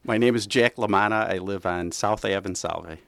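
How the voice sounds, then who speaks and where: Older man, low voice, wry humorous reading, dry close sound. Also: moderate pace, creaky, fairly bright tone, dry recording. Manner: wry, playful, over-enunciates the local pronunciations. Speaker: contributor reading his story. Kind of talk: humorous read-aloud.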